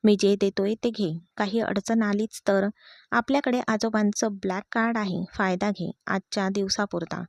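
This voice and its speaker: A woman's voice: mid-range voice, fairly even intonation, normal speed, vocal fry, a little mellow, no echo, close to an everyday voice. A wealthy young husband, firm and easily annoyed, speaking in short, curt lines, played by a woman narrating. The sound is dry and close. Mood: irritated.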